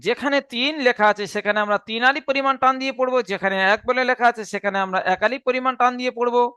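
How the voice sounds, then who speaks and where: A man's voice: very high voice, steady tone, rapid-fire, sharp tone, smooth, no echo. A man teaching an online Quran reading class, patient, repeating each letter and point twice.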